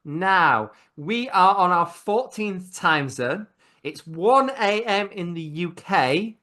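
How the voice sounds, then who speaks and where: Hosting a casual cooking conversation over video call, this man keeps poking fun at himself and laughing often in a chatty way. He speaks slowly in a high, pushed, bright voice with lively intonation.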